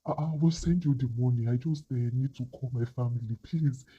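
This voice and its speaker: A man's voice: medium pitch, a little fast, warm tone, husky, dull audio, lightly acted. A man voicing a panicked captive scammer who stammers and pleads. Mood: pleading.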